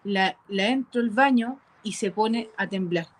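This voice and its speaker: A woman telling a frightening personal experience, halting and repeating herself with nervous laughs. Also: mid-range voice. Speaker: caller telling a paranormal experience. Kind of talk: emotional first-person storytelling.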